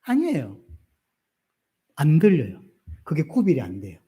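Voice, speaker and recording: A man's voice: a little high, huge pitch swings, a little slow, dark tone. A middle-aged man with a Gyeongsang Korean accent preaching a sermon as pastor. He keeps asking the congregation questions and answering them himself.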